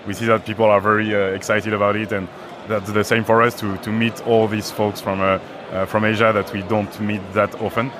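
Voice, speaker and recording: A man from France, answering a quick vox pop interview with hesitant fillers. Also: lowish voice, little pitch movement, noisy background. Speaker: event attendee.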